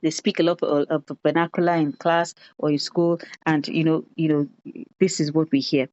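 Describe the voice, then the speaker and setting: A woman leading a teacher training on a video call, telling classroom stories in an animated way and repeating phrases for emphasis. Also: sits low, normal speed, slight background noise. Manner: animated storytelling, acts out children's voices, repeats phrases for emphasis. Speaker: education consultant leading an online teacher training. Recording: dull, dry video-call audio.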